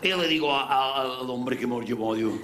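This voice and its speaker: This comedian, speaking in character with a Mallorcan accent, has a mid-range voice and a brisk delivery amid crowd noise. His live monologue on a café stage is crude and rambling, told in a brash storytelling manner, with audience laughter all the way through.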